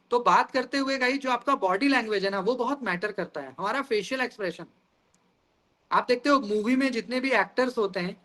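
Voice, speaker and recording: Man, teacher, high voice, bright tone, explains with everyday examples, calls the class guys. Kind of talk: classroom lecture.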